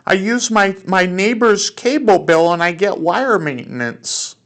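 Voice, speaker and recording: A man with a high, resonant voice makes a prank phone call. He delivers outrageous confessions bluntly and deadpan, as if they were nothing. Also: a little slow.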